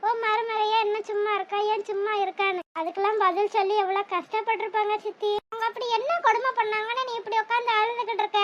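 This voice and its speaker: A woman's voice: extremely high pitch, level tone, fast talker, hardly any pauses, a bit bright, dull audio, slight background noise. A woman voicing a young married woman who earnestly comforts her aunt. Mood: consoling. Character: young married woman, gentle, consoling niece.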